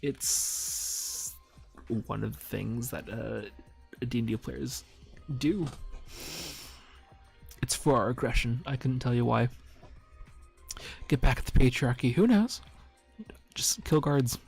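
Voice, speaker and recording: A man's voice: mid-range voice, steady tone, slow, creaky, long pauses, breathy edge. A man streaming as a dungeon master, chatting casually and rambling with frequent laughs and self-mocking asides. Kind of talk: casual stream chat reviewing memes. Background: faint background music.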